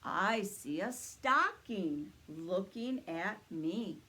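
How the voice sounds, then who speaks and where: A woman voicing a jolly old Santa Claus in a slow, chanting storybook reading. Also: medium pitch, animated, sharp tone, heavily acted.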